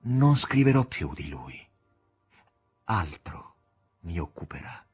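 A man reading an audiobook, voicing a resigned middle-aged male writer in a quiet, hollow, subdued voice. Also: deep voice, sing-song, takes it slowly, breathy edge, soft background music, voice pushed down, heavily acted.

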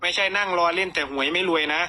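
Hoarse bright-voiced man with Isan accent. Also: high-pitched, fast talker, slight background noise. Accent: Isan Thai. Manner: chatty, reads numbers aloud, talks to viewers. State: hoarse from a cold. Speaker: lottery tips livestream host. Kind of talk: casual livestream chat.

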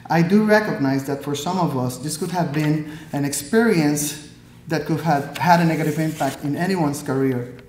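Reading his prepared remarks into a podium mic, this Puerto Rican-accented guest speaker, an Army pathologist in his thirties, sounds earnest and measured, slipping in an occasional filler. His slightly high voice has a darkish tone, and a faint hiss or hum sits under the clear echo of the hall.

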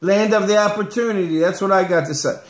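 A middle-aged man hosting a homemade sports picks show in a casual, informal chatting style, with pauses between phrases. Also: high-pitched. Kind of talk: casual comedic show chat. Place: living room at home. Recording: roomy home webcam sound.

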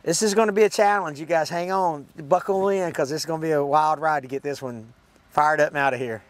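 A man hosting a casual outdoor video, folksy and excitable, laughing often as he talks. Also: a little high, a little fast, no echo. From Florida. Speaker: host. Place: outdoors in woods.

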